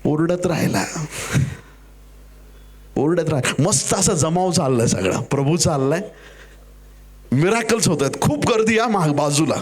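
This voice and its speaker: Guy preaching hard, slightly high voice, does little voices for the people in his stories, cracks jokes. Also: expressive, measured pace, long pauses, breathy edge. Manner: dramatic preaching that acts out the characters, building to loud exhortation; jokey asides. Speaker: pastor. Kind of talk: sermon.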